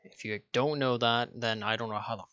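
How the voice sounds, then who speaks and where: A man's voice: mid-range voice, fairly even intonation, fairly quick, sharp tone, clean tone, muffled recording. A young man from Denmark, a YouTuber, talking casually to his viewers, rambling, correcting himself and swearing offhand. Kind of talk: casual direct-to-camera vlog.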